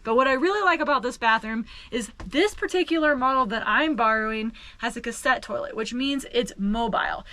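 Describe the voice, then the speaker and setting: A woman's voice: on the high side, brisk, hardly any pauses, bright, forceful tone. A woman vlogger giving a casual walkthrough tour, speaking to camera from inside a small camper van.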